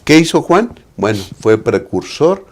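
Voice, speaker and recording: A man's voice: a little high, big pitch swings, measured pace. A man with a Mexican Spanish accent, a pastor discussing the Sabbath school lesson in a preaching manner, often adding tag questions.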